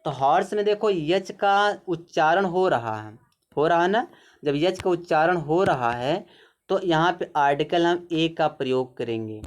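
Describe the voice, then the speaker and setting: A man's voice: a little high, expressive, unhurried. A man giving a grammar lesson, explaining patiently, repeating each point and checking in with short confirmations. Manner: patient, repetitive explaining with frequent "theek hai". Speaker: teacher. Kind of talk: grammar lesson over a zoomed screen.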